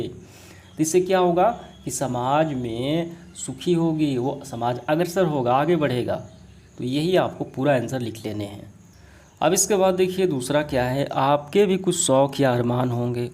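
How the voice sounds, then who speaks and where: A man's voice: mid-range voice, darkish tone. Man teaching a school lesson. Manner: explains step by step, asks "samajh mein aa gaya?"; dictates model answers slowly. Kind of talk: classroom explanation of textbook answers.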